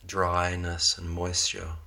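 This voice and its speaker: A man leads a yoga practice in a soft, unhurried way, leaving long pauses between phrases. His voice sits very low and stays flat and even, with a bright, clear edge to the tone. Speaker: yoga teacher. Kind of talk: guided yoga relaxation.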